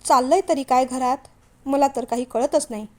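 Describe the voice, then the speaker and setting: A woman's voice: high-pitched, normal speed, dark tone, natural voice. A woman voicing an older mother who demands answers from her husband in an indignant, questioning way.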